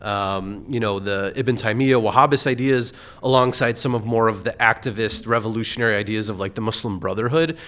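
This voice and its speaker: A man's voice: fairly low pitch, fairly even intonation, fairly quick, few pauses, a bit bright. A man speaking as an expert guest in a casual interview, explaining patiently with lots of fillers. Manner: explanatory, many fillers like "you know".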